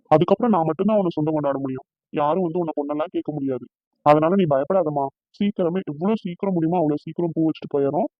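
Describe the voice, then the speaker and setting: A man voicing a loving young fiancé in a cartoon, gentle and reassuring. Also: on the high side, no echo, phone-quality sound, close to an everyday voice. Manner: gentle, reassuring, fast-talking. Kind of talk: cartoon voice acting.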